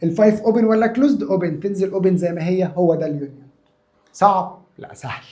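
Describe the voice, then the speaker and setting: A mellow-voiced male math teacher with an Egyptian Arabic accent leads a lesson at a mid pitch for a man. He keeps firing questions at the class and answering them himself, hammering each point home by repeating it. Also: fast talker. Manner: asks his own questions and answers them, drilling by repetition.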